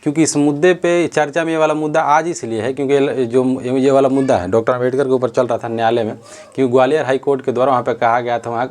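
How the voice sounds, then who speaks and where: Male commentator, mid-pitched, earnest, repetitive, off the cuff. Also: darkish tone. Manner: earnest, repetitive, frequent restarts. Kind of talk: casual spoken commentary.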